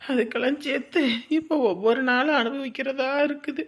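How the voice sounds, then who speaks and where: A woman's voice: high voice, fairly quick, breathy edge. A woman playing a weary young mother, grumbling and sighing to herself in a family drama monologue.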